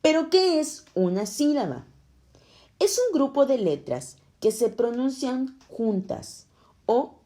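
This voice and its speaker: Woman teacher reading a kids lesson, slow and careful, mellow voice that moves a lot. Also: a little high. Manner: slow, clear, explaining to children. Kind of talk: scripted lesson narration.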